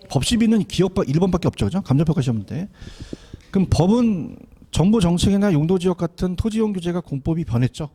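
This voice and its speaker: Animated husky male lecturer. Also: a little high. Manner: animated, asks students to repeat after him. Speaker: exam prep lecturer. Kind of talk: classroom lecture.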